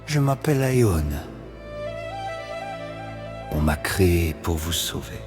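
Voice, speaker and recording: A deep robotic AI speaks with cold machine calm, voiced by a man. Each slow line lands like a solemn verdict in a cinematic trailer. Loud music swells behind the synthetic voice. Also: exaggerated voice. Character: male artificial intelligence, calm and judging.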